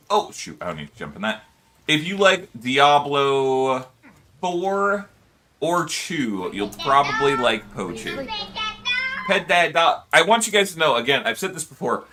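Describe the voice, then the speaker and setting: Animated, bright-voiced male streamer. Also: a little hiss or hum. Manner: animated, laughs often, high-pitched yelps. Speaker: game streamer. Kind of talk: casual gaming livestream chat. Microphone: desk microphone.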